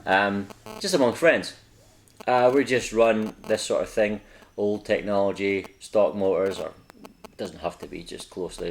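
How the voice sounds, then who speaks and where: A young man from Scotland runs a hobby channel, rambling somewhat and correcting himself in casual, off-the-cuff vlog talk. His voice is lowish, and the low-quality recording carries slight background noise.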